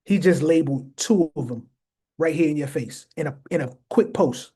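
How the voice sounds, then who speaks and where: Husky-voiced man explaining emphatically. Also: a little high, moderate pace, dark tone. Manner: emphatic, repeats phrases, addresses viewers directly. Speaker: host. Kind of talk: casual explainer talk.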